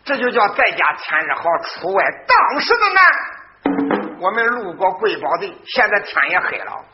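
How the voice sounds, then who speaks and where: A man's voice: high-pitched, very animated, measured pace, dull audio, over music. A male storyteller voicing a hot-tempered young traveling warrior. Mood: polite.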